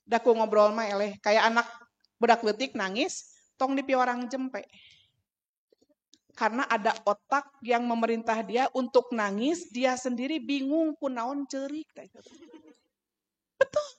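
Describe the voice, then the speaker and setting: A woman's voice: on the high side, fairly even intonation, unhurried, long pauses, muffled recording. A woman with a Sundanese accent giving a parenting talk at a mosque, telling stories and acting out mother and child voices. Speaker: parenting speaker.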